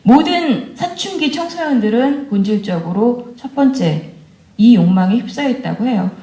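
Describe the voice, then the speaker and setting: A woman in her forties gives a talk to a room of mothers. Her voice is somewhat high yet warm and mellow, and she speaks candidly, often putting questions to the listeners. The room around her rings with a noticeable echo. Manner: candid, conversational, asks the audience questions. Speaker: education speaker addressing mothers. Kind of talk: lecture to parents. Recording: roomy echo of a lecture hall.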